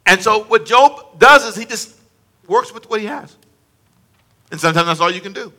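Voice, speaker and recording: A man's voice: sits high, expressive, moderate pace, sharp tone. A man preaching a conversational sermon, stressing points by repeating phrases and addressing the congregation directly.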